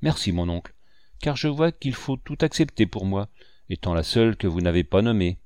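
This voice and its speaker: Une jeune fille de quinze ans, candide et sensible, lue par un homme à la voix plutôt grave, au ton doux et ingénu. La prise de son est sèche et très proche, sans aucune résonance. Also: male voice, lowish voice, expressive, moderate pace, a little mellow, dry recording, natural voice. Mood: triste.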